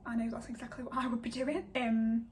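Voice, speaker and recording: A woman's voice: a little high, level tone, a little fast, darkish tone, a little hiss or hum. A young woman from England with a northern English accent, hosting a casual podcast chat, giggly and self-mocking. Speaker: podcast host.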